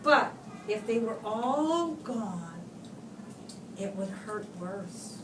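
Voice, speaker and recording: Reading a children's picture book in a teacherly way, a medium-pitched woman speaks with expressive, deliberate phrasing and pauses for young listeners. The room recording was made from a distance, sounding roomy, with clear background noise.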